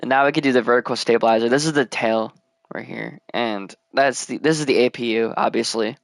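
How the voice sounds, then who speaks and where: A man's voice: mid-range voice, a little fast, creaky, dry recording, studio quality. A man chatting casually while playing a building game, rambling and mumbling counts under his breath. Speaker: gamer. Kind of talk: casual let's play commentary.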